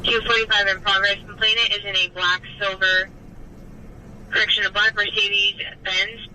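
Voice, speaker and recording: High, monotone male police radio dispatcher. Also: normal speed. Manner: flat, procedural. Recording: noisy police radio scanner feed.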